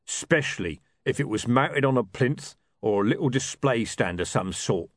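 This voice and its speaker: Casting: male reader doing a brash cursing thug, loud, punchy, lively pitch, dry close sound. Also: normal speed, no echo, lightly acted. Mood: gruff. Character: loud, coarse, swearing male thug with a love of art.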